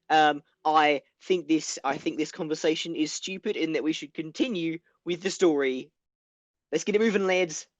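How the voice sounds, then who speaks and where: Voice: medium pitch, no room sound. Exasperated player on a dull call line. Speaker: tabletop player. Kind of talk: in-character tabletop chat. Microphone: online call mic.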